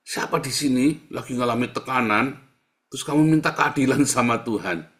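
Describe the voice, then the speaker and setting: A male pastor preaching in a colloquial, teasing manner, jumping between loud bursts and hushed asides. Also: medium pitch, moderate pace. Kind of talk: sermon.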